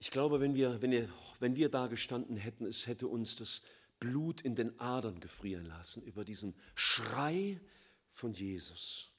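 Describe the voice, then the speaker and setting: A man preaching a sermon, swinging between loud emphatic lines and quiet, low, slow passages. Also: expressive, husky.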